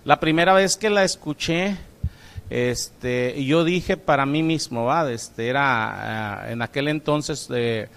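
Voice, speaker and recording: A middle-aged Mexican pastor with a gravelly voice speaks to his congregation in a loose, informal way. He hesitates often, fills gaps with drawn-out sounds and keeps checking in with tag questions. His pitch sits in an ordinary middle range. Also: a bit bright. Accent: Mexican Spanish. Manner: halting, many fillers and tag questions. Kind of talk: informal church talk.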